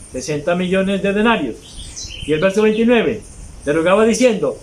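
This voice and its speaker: A man's voice: high-pitched, slight background noise, low-quality recording. A man preaching a sermon as pastor, emphatic and mocking hypocrites in mimicked asides.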